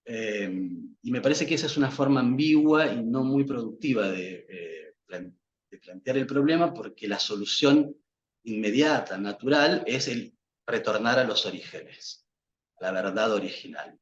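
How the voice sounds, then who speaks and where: A man of medium pitch with lively intonation and a normal pace, whose first language is Portuguese, gives a reflective academic talk as a psychoanalyst guest. He is hesitant, full of fillers and restarts, and the recording is dull and lo-fi with faint noise.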